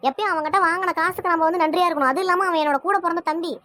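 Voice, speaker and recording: A woman's voice: very high voice, steady tone, racing, sharp tone, no echo. A woman with a Tirunelveli Tamil accent voicing an angry, sarcastic mother in a cartoon family quarrel. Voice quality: nagging, sarcastic. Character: angry mother siding with her brother. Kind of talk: cartoon voice acting.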